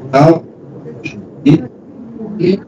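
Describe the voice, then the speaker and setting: A man chairing a formal council session over a video call, his audio glitching and cutting out as he speaks in halting fragments. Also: on the high side, background noise. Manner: halting, fragmented speech with hesitations. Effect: glitchy audio that keeps cutting out. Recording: distant echoey lo-fi call audio with dropouts.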